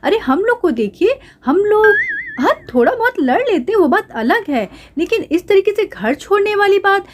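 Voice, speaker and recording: A woman's voice: extremely high pitch, sing-song, moderate pace, background noise. A woman voicing a middle-aged aunty who lectures a quarreling couple, in a doll drama. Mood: reproachful. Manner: lecturing, reproachful.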